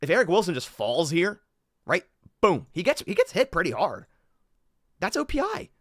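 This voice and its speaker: A man commenting over football game film in an animated, exasperated way, thinking aloud as he goes. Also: sits high, normal speed, no room sound, clean studio sound.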